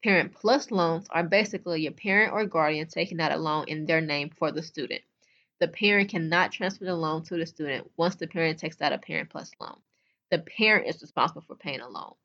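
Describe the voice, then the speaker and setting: A woman's voice: deep voice, fairly quick, bright, forceful tone, dull audio. A young adult woman hosting a solo podcast, talking bluntly and chattily straight to her listeners. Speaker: podcast host. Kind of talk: casual solo podcast talk.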